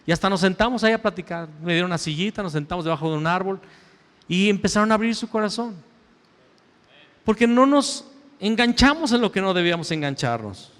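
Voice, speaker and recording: A male pastor delivers an emphatic sermon from the pulpit. His somewhat high voice swings between loud raised lines and hushed, low asides. The sound rings with the long reverb of a church hall. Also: animated, brisk. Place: church sanctuary.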